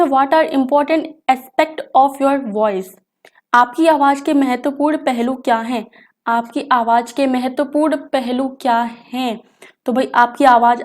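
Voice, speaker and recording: A woman teaches an exam revision class in a high, bright voice. She reads each question slowly in English and then explains it quickly in Hindi. She keeps asking the class questions and then answers them herself.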